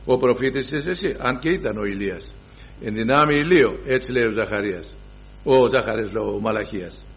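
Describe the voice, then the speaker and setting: Emphatic preacher man. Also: lowish voice. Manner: emphatic, swings from loud exclamations to hushed asides; addresses the listeners as brothers. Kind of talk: sermon.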